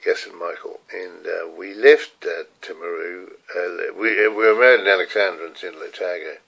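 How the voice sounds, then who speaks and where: Rambling older New Zealand man, low-voiced. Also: fairly even intonation, normal speed, creaky, a bit bright, low-quality recording. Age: 70s. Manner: rambling, candid, swears casually. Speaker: video diarist. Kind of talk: personal video diary. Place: room at home.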